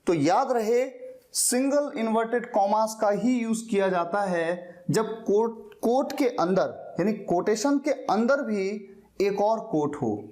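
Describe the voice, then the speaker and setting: A man teaching an English lesson, explaining step by step and slowly repeating key words. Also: high voice, lively intonation, darkish tone.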